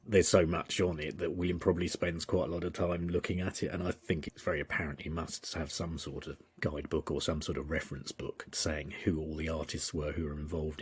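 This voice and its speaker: A man's voice: a bass voice, breathy edge. A man with an English accent hosting a podcast, talking through his material in a thoughtful, rambling way with frequent hesitations. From England. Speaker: podcast host. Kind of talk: casual podcast commentary.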